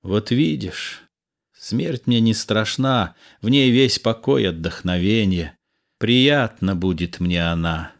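A man's voice: on the low side, slow, gravelly. A man voicing a melancholy poet-soldier.

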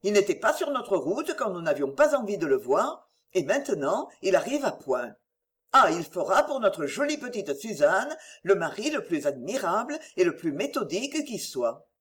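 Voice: mid-range voice, sing-song, moderate pace, a bit bright. A reader voicing a dashing nobleman who talks in a breezy, teasing, flippant way in an audiobook. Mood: jaunty. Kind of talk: audiobook reading.

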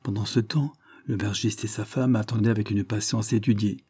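Low, husky male narrator. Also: steady tone, moderate pace, warm tone. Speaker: audiobook narrator. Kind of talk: scripted narration.

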